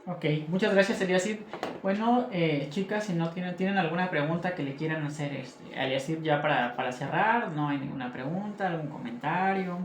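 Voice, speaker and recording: A man's voice: a little high, brisk, slight background noise. A man moderating a discussion, conversational and often checking for agreement. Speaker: moderator and literature teacher. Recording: echoey room.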